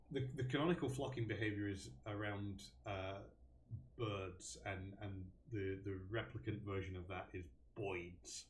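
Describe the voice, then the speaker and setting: A man's voice: lowish voice, echoey room, far from the mic, slight background noise. A man hosting a live stream, thinking aloud about a game with many ums and restarts. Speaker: host.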